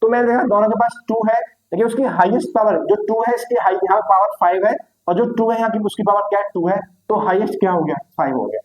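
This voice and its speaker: A man's voice: sits high, quick pace, hardly any pauses, low-quality recording. A young adult man teaching a maths lesson online, repeating questions and answers and calling students "beta".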